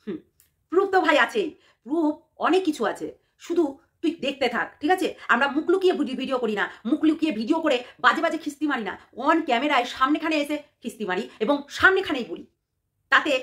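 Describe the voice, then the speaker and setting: A woman's voice: sits high, fairly bright tone. A woman ranting angrily in a vlog, scolding and accusing someone with rhetorical questions. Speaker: YouTuber.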